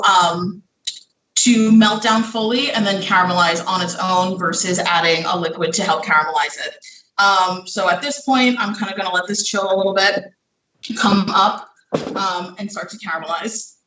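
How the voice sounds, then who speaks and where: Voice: medium pitch, fairly even intonation, normal speed, bright, forceful tone, distant mic. A home baker walking through a recipe in a live cooking demonstration, explaining each step in a chatty way with fillers while working, a little out of breath. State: slightly out of breath. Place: home kitchen. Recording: echoey kitchen, speaker away from mic.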